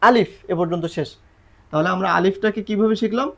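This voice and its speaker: A man's voice: high-pitched, fast, gravelly, a bit bright. A man teaching Quran reading and the Arabic alphabet in a recorded lesson, patiently repeating letters and drilling pronunciation.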